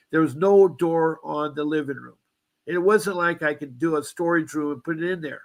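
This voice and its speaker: A guest in his seventies, whose voice sits slightly higher than most men's, tells a long personal story that circles back through restarts and asides. He comes across as aggrieved and insistent about the injustice he suffered.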